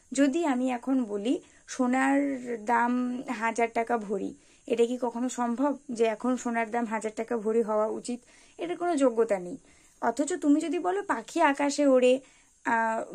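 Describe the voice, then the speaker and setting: A woman's voice: high-pitched, a little mellow. A woman teaching an English lesson for beginners, carefully spelling out example words one by one. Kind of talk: explanatory tutorial lesson.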